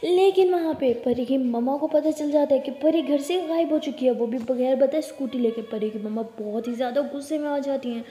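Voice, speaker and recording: A woman's voice: high voice, brisk, hardly any pauses, mellow. A woman telling a serialized love story for her channel in a chatty way, mixing English words into her speech. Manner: chatty, mixes English into Hindi. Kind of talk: casual story narration for video. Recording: echoey room with long reverb.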